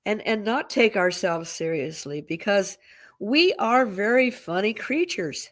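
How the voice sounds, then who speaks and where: A woman's voice: mid-range voice, animated, measured pace, fairly bright tone. A woman co-hosting a casual chat, speaking reflectively and often repeating words as she gathers her thoughts. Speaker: co-host.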